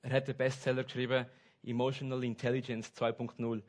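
A man preaching a sermon, switching between soft asides and loud, stressed points. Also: mid-range voice, level tone, a little fast. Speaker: pastor.

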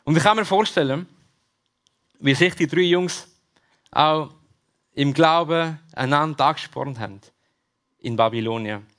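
Swiss preacher with a raised voice. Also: male voice, a little high, measured pace, long pauses, fairly bright tone. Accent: Swiss German. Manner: direct, repeats key questions to the congregation. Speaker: pastor. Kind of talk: sermon. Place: church service.

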